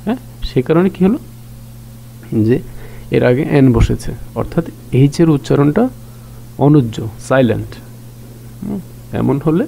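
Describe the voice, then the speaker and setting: A man teaching a grammar lesson. He explains each rule step by step, asks questions and answers them himself, and reads example sentences out slowly. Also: medium pitch, creaky, dark tone, a little hiss or hum, low-quality recording. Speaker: English teacher.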